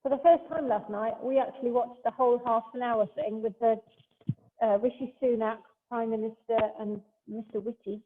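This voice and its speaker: A woman leading a Pilates class, giving calm step-by-step cues mixed with chatty asides. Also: a little high, normal speed, a little hiss or hum. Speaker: Pilates instructor. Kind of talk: guiding an exercise class. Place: large hall, class streamed over a video call. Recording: echoey hall over a thin phone-like line.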